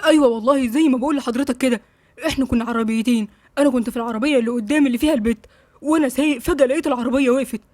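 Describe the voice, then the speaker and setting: A woman's voice: high-pitched, a little mellow, dry recording. Scared henchman voiced by a woman, Egyptian accent, begging and swearing oaths, dry close mic. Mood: pleading. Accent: Egyptian Arabic. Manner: pleading, swearing oaths, rapid. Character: frightened male henchman pleading with his boss.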